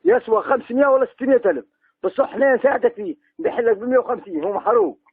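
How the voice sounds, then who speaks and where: A man's voice: very high voice, very animated, rapid-fire, creaky, slightly rough, no room sound. A man with an Algerian accent on a phone call, rambling and haggling to sell old goods, heard over a phone line. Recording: tinny dry phone line.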